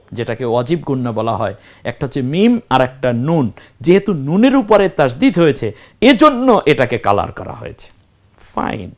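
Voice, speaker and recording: A man teaching Quran reading, asking questions and answering them himself while spelling out letters one at a time. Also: medium pitch. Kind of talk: step-by-step recitation lesson.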